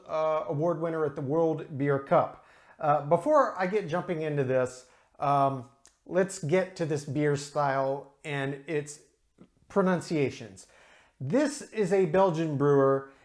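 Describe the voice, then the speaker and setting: Chatty man with a fairly high voice. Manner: chatty and explanatory, with frequent ums and uhs; careful with pronunciation, drawn out. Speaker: beer reviewer. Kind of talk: casual video review.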